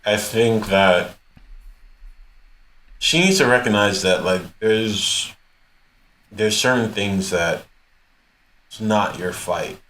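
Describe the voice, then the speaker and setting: A man co-hosting a podcast, talking politics in a measured, hesitant way full of fillers. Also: lowish voice, a bit bright. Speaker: podcast co-host. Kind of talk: casual political talk. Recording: echoey room with faint noise.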